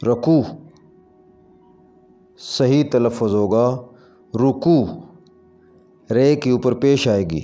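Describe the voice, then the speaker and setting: A man teaching Urdu pronunciation, saying each word and then repeating it slowly and deliberately. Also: mid-range voice, dark tone, soft background music. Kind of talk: pronunciation drill lesson.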